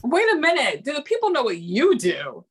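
A woman's voice: high voice, huge pitch swings, normal speed. Female podcast guest in casual conversation, encouraging and playfully pushy. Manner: supportive, playfully insistent. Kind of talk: casual chat.

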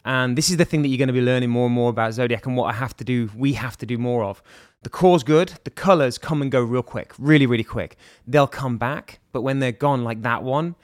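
A man's voice: medium pitch, fairly quick, hardly any pauses, dry recording, studio quality. Middle aged british guy chatting on a podcast, jokey, keeps restarting, medium voice. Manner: chatty, joking, trails off and restarts. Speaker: watch brand director, guest. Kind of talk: casual podcast chat.

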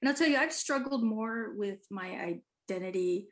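A woman co-hosting a casual chat, earnest and reflective, thinking out loud. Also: mid-range voice, normal speed. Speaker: podcast co-host.

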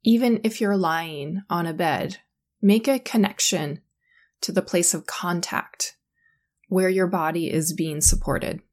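A woman guiding a sleep meditation in a calm, soothing, slow manner. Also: lowish voice. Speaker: meditation guide.

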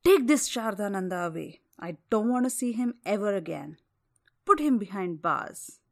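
A woman's voice: mid-range voice, animated, measured pace, darkish tone. A woman voicing an arrogant young prince in a storybook tale. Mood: commanding. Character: arrogant young prince, carefree then frightened.

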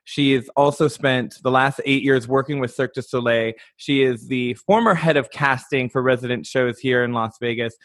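Brief: man, talk-show host, gushing and laughing, medium pitch, dry close sound. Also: steady tone, normal speed, few pauses, no echo. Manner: effusive, laughs often. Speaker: podcast host. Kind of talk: casual interview chat.

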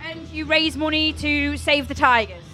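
A woman's voice: high voice, moderate pace, bright, forceful tone, soft background music. A woman with a Stoke-on-Trent accent interviewing someone in a chatty, effusive way as a podcast host. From Stoke-on-Trent, England. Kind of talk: casual interview chat.

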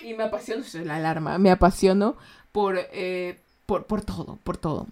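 A woman's voice: on the low side, moderate pace, darkish tone, a little hiss or hum. A young woman hosting a casual podcast, talking with gushing enthusiasm and often restarting her sentences. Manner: gushing, enthusiastic, self-interrupting. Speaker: podcast host. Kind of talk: casual chat.

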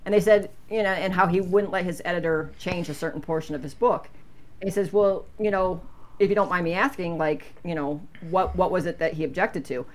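A woman guest on a podcast, chatting casually and telling anecdotes in an animated way. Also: on the low side, a little fast.

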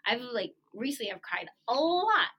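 A woman co-hosting a relaxed podcast with a bright, sharp voice. She talks in an animated, chatty way, swears casually and laughs a lot. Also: a little high, moderate pace, husky. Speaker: podcast co-host.

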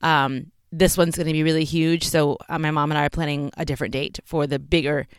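A woman's voice: low-pitched, little pitch movement, fairly quick, clean tone, dry recording, clean studio sound. A young woman from Texas hosting her podcast in a chatty, upbeat way from inside a clothes closet, with fillers and small laughs. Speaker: podcast host. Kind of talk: casual solo podcast chat.

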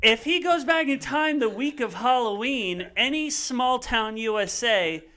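A man's voice: extremely high pitch, animated, a little slow, bright, forceful tone. Swearing, ranting podcast guy. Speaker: podcast co-host. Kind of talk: casual podcast banter.

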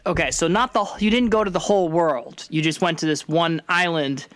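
A man's voice: on the high side, fairly quick, a bit bright, no room sound. A man co-hosting a podcast, teasing his friend in casual chat. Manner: teasing, playful. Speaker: podcast co-host.

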